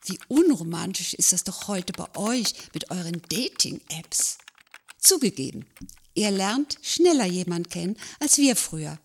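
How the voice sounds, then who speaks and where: Measured woman of eighty reading. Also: lowish voice, big pitch swings, gravelly, breathy edge. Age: 80s. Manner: measured, wistful reading about the old days. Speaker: podcast host. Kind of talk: reading prepared remarks, then asking questions.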